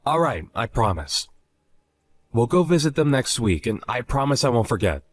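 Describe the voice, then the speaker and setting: A man's voice: medium pitch, sing-song, moderate pace. A man voicing Justin, a young husband who argues defensively and indignantly in a dramatized chat story.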